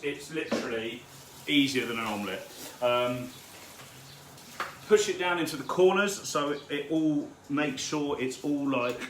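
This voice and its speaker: A man hosting a live cook-along from his home kitchen, chatting loosely with viewers and swearing freely. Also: medium pitch. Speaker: home cooking host. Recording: roomy kitchen with background noise.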